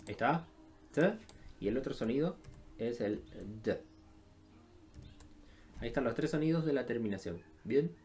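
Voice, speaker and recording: A man's voice: mid-range voice, expressive, moderate pace, long pauses, a little mellow. A man, teaching an English lesson in a recorded online class. He explains step by step, with many filler sounds, and often checks in with his students.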